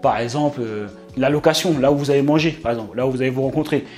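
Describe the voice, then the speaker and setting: A man's voice: mid-range voice, fast, faint music behind. A young man giving dating advice in a casual, slangy, joking storytelling manner. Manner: animated, streetwise, slangy and joking. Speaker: dating advice video host.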